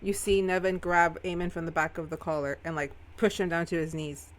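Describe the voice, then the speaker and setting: A woman's voice: fairly low pitch, steady tone, brisk. A woman narrating as game master, casual and a little profane. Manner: casual, swearing.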